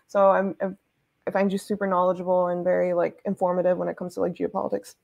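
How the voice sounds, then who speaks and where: A young woman from Bangladesh calls in through an earphone mic and works her way hesitantly through a question, full of "um" and "like." Her voice is flat and gravelly, with a creaky edge. The video call audio sounds dull and lo-fi. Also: lowish voice, quick pace. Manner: hesitant, many fillers like "um" and "like". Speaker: caller asking a question.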